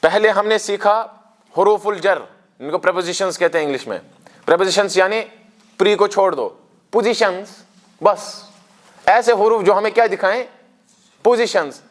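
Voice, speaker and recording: Male language teacher, slightly high voice, explains patiently and drills the class in a classroom. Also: moderate pace, long pauses. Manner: explains terms step by step, asks the class questions and drills them in recitation. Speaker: Arabic teacher. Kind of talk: classroom grammar lesson.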